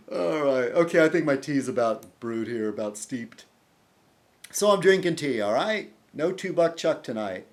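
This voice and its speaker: There is a faint hiss or hum behind this vlogger, whose fairly high, very animated voice moves unhurriedly. In his casual monologue he wanders off topic, interrupts himself, and replies directly to people in his comments.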